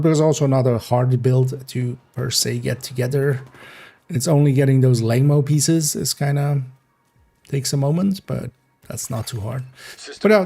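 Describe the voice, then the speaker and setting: A man streaming a game, chatting casually in a rambling, relaxed way and laughing often. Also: mid-range voice. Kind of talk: casual gameplay livestream chat.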